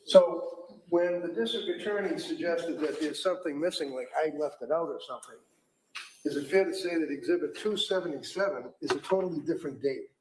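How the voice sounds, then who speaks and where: A man acting as defense attorney, questioning a witness in a courtroom, halting with ums and restarts. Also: on the high side, darkish tone. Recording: echoey courtroom audio with faint noise.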